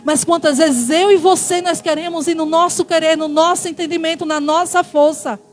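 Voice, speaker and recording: A woman's voice: very high voice, steady tone, normal speed, soft background music. Impassioned Brazilian woman pastor preaching. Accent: Brazilian Portuguese. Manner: impassioned, shifting between loud exhortation and quiet asides. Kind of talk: sermon.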